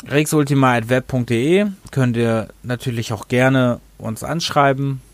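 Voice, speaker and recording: A man's voice: mid-range voice, dry recording. A man hosting a casual game review podcast, rambling and often tripping over his words and correcting himself. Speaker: podcast host.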